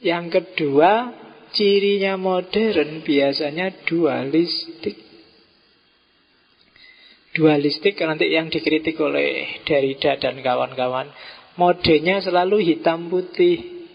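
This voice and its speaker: A man giving an informal philosophy study talk to a gathering, with relaxed joking asides. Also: a little high, takes it slowly, gravelly, long pauses, slightly rough. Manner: relaxed, joking asides, mixes in Javanese words. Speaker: philosophy lecturer. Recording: dull, reverberant hall sound.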